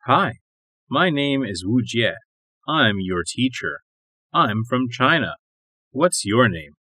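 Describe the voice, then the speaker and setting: A man reading lines of an English listening test dialogue, slow and carefully enunciated. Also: mid-range voice, very animated, pushed and bright, slightly rough, dry recording. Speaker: test audio reader.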